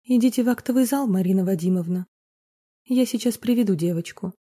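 A woman's voice: medium pitch, brisk, dark tone, lightly acted. Woman voicing a weary, tactful orphanage head. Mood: weary, sympathetic. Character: Veronika Pavlovna, sympathetic middle-aged orphanage head.

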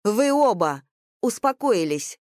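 A reader voicing a quick-tempered young woman who talks sharply and bluntly. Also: mid-range voice, no echo, clean studio sound, lightly acted. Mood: fierce. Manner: sharp, forceful.

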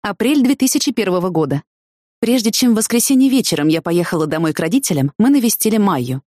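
A woman reads a first-person audiobook with expressive storytelling. Her pitch moves a lot, and the recording is dry and close. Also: quick pace, dry recording. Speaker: audiobook narrator.

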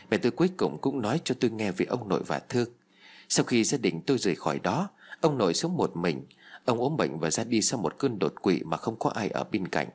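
A man's voice: on the low side, breathy edge. A man reading a first-person novel aloud as an audiobook narrator, telling it expressively. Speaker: audiobook reader.

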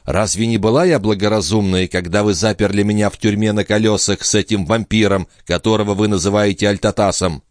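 Male reader doing a high, wailing young woman for a storybook, defiant and desperate, dry close sound. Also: steady tone, a little fast, hardly any pauses, no room sound, lightly acted. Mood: furious. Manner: sobbing, pleading, shrill outbursts.

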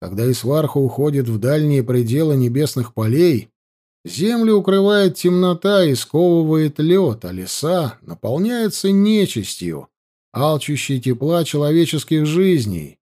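A man's voice: fairly high pitch, sing-song, dark tone. Man doing a cold young werewolf chieftain. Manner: cold, measured, evasive.

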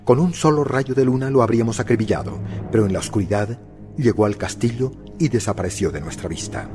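A man narrating a novel in the first person with steady, measured storytelling. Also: medium pitch, music in the background. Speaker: audiobook narrator.

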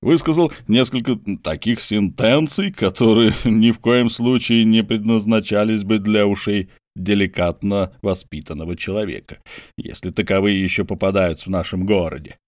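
A man's voice: on the low side, moderate pace, no room sound, clean studio sound. Wry male audiobook narrator. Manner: wry, ironic storytelling. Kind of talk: scripted story narration.

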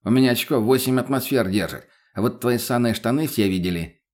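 A man's voice: mid-range voice, brisk, a little mellow, natural voice. A man voicing a crude, mocking drug addict who swears constantly. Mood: cocky. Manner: foul-mouthed, cocky, mocking.

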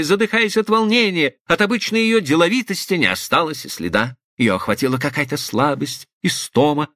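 A man reading a novel aloud as an audiobook, with emotive, lively narration into a close studio mic. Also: high voice, no echo. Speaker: audiobook reader. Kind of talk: expressive literary narration.

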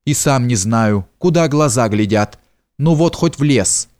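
A man's voice: medium pitch, expressive, unhurried, darkish tone, close to an everyday voice. A man voicing a frightened, cowardly young nobleman who stammers and talks in frantic, broken bursts in an audiobook. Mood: panicked. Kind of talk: audiobook character reading.

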